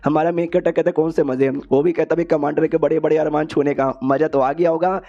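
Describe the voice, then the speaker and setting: A man's voice: a little high, fairly even intonation, fast, mellow, dull audio. A man narrating an anime story recap in a slangy, jokey way, voicing every character himself. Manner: slangy, jokey, repeats filler "yahan pe".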